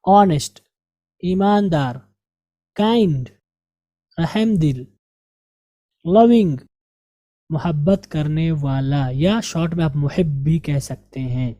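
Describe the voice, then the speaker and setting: A woman leads an English grammar and vocabulary lesson with an Indian Urdu-speaking accent, her deep, mellow, dark voice sounding animated. She goes slowly through the words, repeating every one to model its pronunciation. The recording is close and dry, free of room sound.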